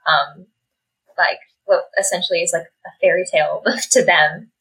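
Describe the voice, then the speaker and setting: Young woman co-host, bright tense voice, chatty and rambly, lots of likes. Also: on the low side, fairly even intonation, normal speed, low-quality recording. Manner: chatty, many fillers and likes. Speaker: podcast co-host. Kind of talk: casual book discussion.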